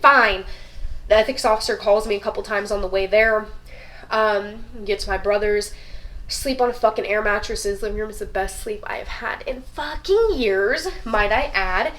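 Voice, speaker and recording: A woman's voice: medium pitch, moderate pace, rough recording. A young woman telling her story in a casual vlog, swearing often and ranting with a lot of feeling. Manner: profane, animated, rants. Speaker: vlogger.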